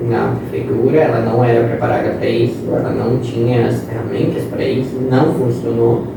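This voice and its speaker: A young male interview guest speaks in a medium-pitched, creaky voice, flat and brisk. Chatting casually, he explains by giving examples and quoting phrases. The recording is noisy, with the mic at a distance in an echoey room.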